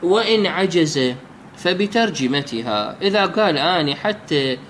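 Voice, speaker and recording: A man lectures on a religious law text, working through each point by asking a question and then answering it. His voice sits high and swings widely in pitch. A faint hiss runs under the recording. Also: expressive, a little slow, a bit bright. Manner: explains step by step with rhetorical questions, restarts words. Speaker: religious teacher explaining a jurisprudence text. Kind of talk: colloquial Arabic lecture on a classical text.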